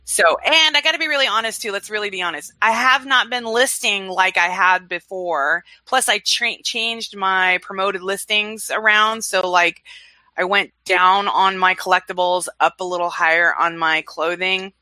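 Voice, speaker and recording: Bright-voiced chatty woman co-host. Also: medium pitch, normal speed, no room sound. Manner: chatty and expressive, dramatic asides. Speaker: co-host of an online reselling show. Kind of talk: casual chat.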